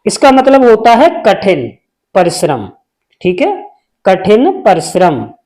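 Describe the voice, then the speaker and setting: A man's voice: sits high, huge pitch swings, takes it slowly, darkish tone. A man teaching an English reading lesson, reading one word at a time and asking how each word is pronounced. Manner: reads each word separately and asks the learner how to pronounce it.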